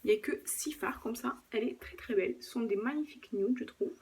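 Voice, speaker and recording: A woman with a slightly high voice chats her way through a makeup palette collection at home, filmed on a camera set up on a tripod. She hesitates often and corrects herself as she goes. A steady hiss sits under the recording. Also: quick pace. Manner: chatty, lots of hesitations and self-corrections. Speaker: beauty vlogger. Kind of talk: casual makeup collection review. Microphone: camera mic on a tripod.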